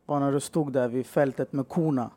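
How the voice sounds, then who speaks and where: Excited, slangy man in a podcast chat. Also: mid-range voice.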